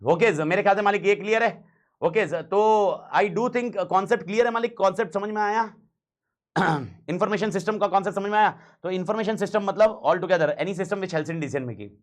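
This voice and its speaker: A man's voice: high-pitched, moderate pace. A man teaching a class in a casual, slangy way, repeating key points and mixing in English phrases.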